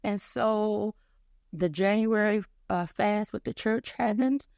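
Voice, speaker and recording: Gravelly woman telling her story. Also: medium pitch, slow pace, no echo, studio quality. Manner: animated storyteller, faith-filled. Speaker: interview guest. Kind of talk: personal testimony in casual chat.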